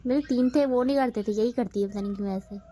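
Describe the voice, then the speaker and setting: A woman's voice: on the high side, fast, warm tone, slight background noise. Chatty Hindi-speaking mother vlogging at home. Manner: chatty, scolding-fond, addresses viewers directly. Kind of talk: casual vlog narration to viewers.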